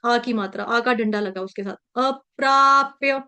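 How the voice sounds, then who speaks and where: A woman teaching an online class, patiently drilling the pronunciation of a verse and repeating syllables slowly. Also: medium pitch, fairly even intonation, a bit bright, smooth. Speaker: Sanskrit verse recitation teacher. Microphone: video call.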